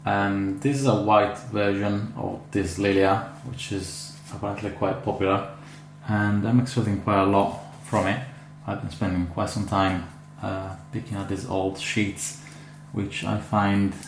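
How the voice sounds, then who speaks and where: This Italian orchid grower has a gravelly, lowish voice with little change in pitch, and he keeps a measured pace. Chatting casually through an unboxing, he hesitates a lot, using many fillers and restarting often. He comes from Italy, and the recording has an echoey room with faint ambient noise.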